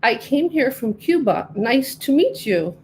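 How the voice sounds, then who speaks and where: Woman reading as a shy twelve-year-old boy, stammering, high, storybook. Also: big pitch swings, unhurried, a little mellow, slight background noise, poor audio.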